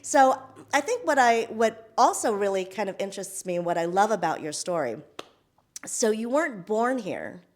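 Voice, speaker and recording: A middle-aged Filipina woman hosts a conversational interview, her mid-range voice sing-song and her pace moderate. As the interviewer she talks in a chatty way, full of fillers and restarts.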